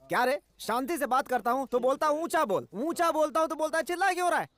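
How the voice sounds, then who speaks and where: An actor voicing a fussy friend who coaxes and pleads with the hero, growing exasperated, in a Hindi film dub. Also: male voice, very high voice, fast, no echo. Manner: animated, coaxing, exasperated.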